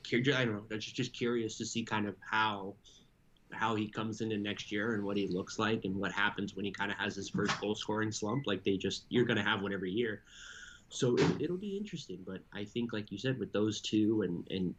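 Man, podcast co-host, casual rambling chat, fairly low pitch. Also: moderate pace, muffled recording, noisy background. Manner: rambling, restarts, laughs mid-sentence.

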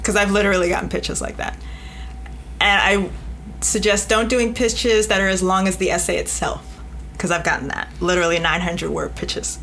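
A magazine editor appears as a podcast guest in an animated panel interview, speaking frankly and emphatically while joking and acting out examples. Her mid-range voice is fairly bright, with fairly even intonation at a normal speed, and there is slight background noise.

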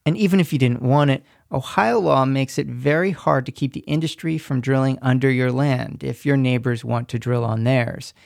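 A man narrating a scripted radio feature report in a measured, descriptive way. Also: medium pitch, creaky, a little mellow, no room sound, clean studio sound.

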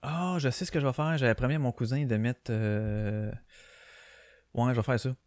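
This solo podcast host has a Québécois French accent and talks from his bedroom on a small home mic, rambling casually with many fillers and restarts. His mid-range voice is fairly even and darkish at a normal speed, with studio-quality sound and no echo.

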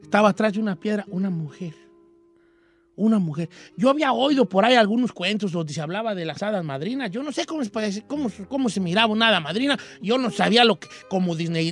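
A man's voice: sits high, lively intonation, fast talker, fairly bright tone, soft background music, full character voice. A man voicing an old Mexican rancher with a Mexican accent, hosting a radio show and telling a rambling, self-mocking comic story. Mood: folksy storytelling.

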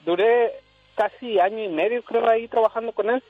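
A man's voice: very high voice, normal speed, dry recording, faint music behind. A man telling a story casually on a radio show, acting out the dialogue in it. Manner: animated, acts out dialogue in the story. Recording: dull, muffled radio audio.

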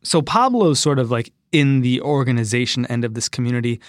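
A man hosts a news podcast, asking questions in a relaxed, conversational way. His voice sits at an ordinary pitch and sounds close and dry. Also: fairly quick, no room sound. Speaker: podcast host.

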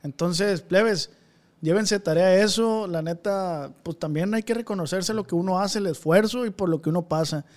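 High-voiced Sinaloan man, slangy podcast host. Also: normal speed, a little mellow. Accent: Sinaloan Mexican. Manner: slangy, informal street talk. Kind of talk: casual chat.

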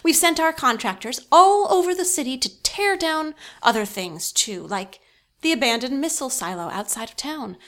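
An actress playing a smooth, sinister corporate woman hosting a radio show in an audio drama, coolly persuasive, with faint music behind her. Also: high voice, lively intonation, normal speed, fairly bright tone. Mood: silky menace.

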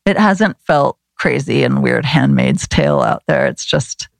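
Creaky-voiced woman guest, rambling. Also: very deep voice, huge pitch swings, a little slow, dry recording. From Los Angeles. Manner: rambling, many fillers and restarts. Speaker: guest, flower remedy practitioner. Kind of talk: casual conversation.

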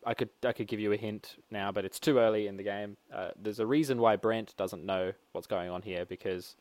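A man co-hosting a casual gaming podcast, playful and animated, often laughing. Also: fairly low pitch, brisk, no echo. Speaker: podcast co-host.

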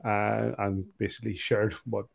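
A man's voice: fairly low pitch, level tone, normal speed, creaky. A man hosting a sports podcast in a jovial, bantering way. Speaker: podcast host. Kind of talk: casual sports chat.

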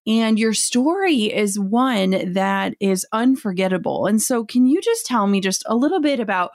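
A woman's voice: medium pitch, lively intonation, moderate pace, no room sound. Woman podcast host, enthusiastic, effusive, dry studio sound. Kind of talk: podcast interview.

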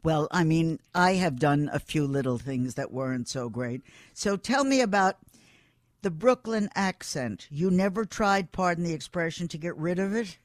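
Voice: mid-range voice, expressive, moderate pace, dry recording, clean studio sound. An older interviewer chatting casually, with blunt, teasing questions. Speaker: interviewer, former TV anchor.

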